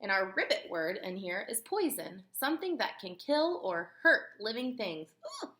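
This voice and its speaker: Reading a children's story in a teacherly manner, this woman sounds expressive and emphatic, breaking off to explain and to quiz the young audience. Her pitch is medium, and the room around her gives an echoey, spacious sound.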